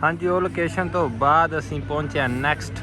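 A man's voice: a little high, brisk. A young man with a Punjabi accent giving casual, slangy, enthusiastic vlog commentary as he shows viewers around. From Punjab, India. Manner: colloquial, enthusiastic exclamations and slang. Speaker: vlogger showing viewers around. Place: outdoors at a village-themed attraction. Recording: loud music behind outdoor vlog.

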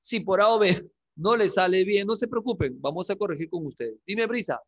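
A man teaching an English lesson to schoolchildren, repeating each word slowly and clearly. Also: high voice, fairly bright tone, dull audio. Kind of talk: online class lesson.

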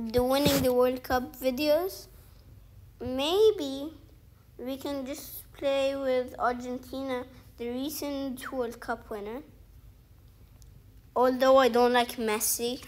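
A young woman who makes gaming videos commentates casually on her mobile football game, rambling and thinking aloud with many "like"s and restarts. Her voice sits high, she comes from outside the featured countries, and the poor audio carries a little hiss or hum.

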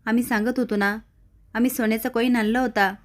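A woman's voice: fairly high pitch, steady tone, fairly quick, lightly acted. Woman reading as a kindly mother. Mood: gentle. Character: gentle mother figure, kindly.

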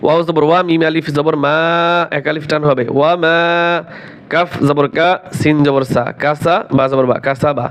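A man teaching Quran recitation, spelling words out letter by letter, quizzing learners, and chanting verses slowly and drawn out. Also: on the high side, steady tone. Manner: drills letter by letter, asks learners questions, slow drawn-out chanting.

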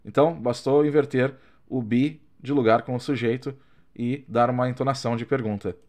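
A man whose first language is Portuguese, teaching English grammar in a recorded lesson. His voice sits at a middle pitch, and he paces his explanations carefully, stretching out each example phrase so learners can follow. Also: fairly even intonation, a little fast, darkish tone.

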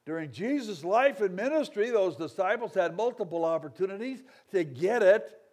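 A man's voice: high-pitched, animated, moderate pace. A man preaching a revival sermon, telling stories with humorous asides and acting out complaining crowds. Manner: dynamic, swinging from loud outbursts to quiet asides.

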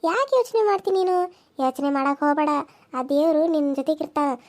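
A woman voicing an older village aunt who soothes and gently advises, with a North Karnataka accent. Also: sits high, expressive, quick pace. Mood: comforting. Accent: North Karnataka Kannada. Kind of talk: cartoon serial dialogue.

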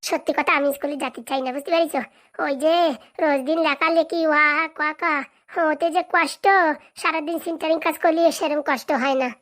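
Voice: high-pitched, fairly even intonation, brisk, fairly bright tone. A voice actor playing a stubborn boy hooked on mobile games, talking brashly and bossily. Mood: sulky. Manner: brash, bossy game talk. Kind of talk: comic cartoon voice acting.

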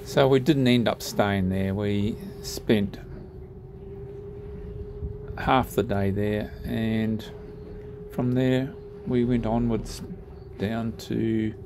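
A man narrating his sailing trip over drone footage in a relaxed, unhurried way, with frequent ums and pauses. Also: fairly low pitch, background noise.

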